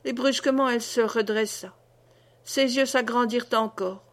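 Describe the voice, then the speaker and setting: A woman reading a classic novel aloud as an audiobook, with dramatic, measured narration. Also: on the high side, fairly even intonation. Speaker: audiobook reader. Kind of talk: scripted narration.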